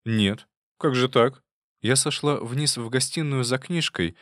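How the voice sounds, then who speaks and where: Quiet, earnest young woman, read by a man: soft, slightly raised voice. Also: medium pitch, a little slow, no room sound, clean studio sound, voice pushed up, natural voice.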